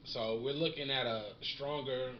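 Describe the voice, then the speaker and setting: A man smokes and reviews a cannabis strain, talking casually in slang, relaxed and savoring it all. His voice is medium-pitched and a little slow. The recording sounds roomy, dull and lo-fi, with faint noise.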